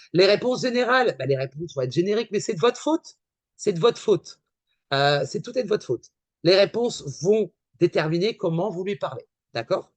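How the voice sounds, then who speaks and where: A man giving a casual conference talk with slides, talking fast and emphatically and repeating his points to the audience. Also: high-pitched, no echo. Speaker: conference speaker.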